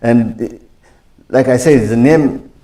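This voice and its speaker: A man's voice: mid-range voice, slow pace, mellow, distant mic. A man hosting an interview, asking questions hesitantly with many fillers and restarts. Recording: roomy echo, off-mic.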